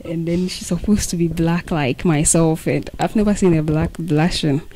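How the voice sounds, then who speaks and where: Very mellow Ghanaian-accented woman interviewer. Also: deep voice, fairly even intonation, moderate pace, a little hiss or hum. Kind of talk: interview questions. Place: indoors on a sofa by shelves of mugs. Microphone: handheld microphone.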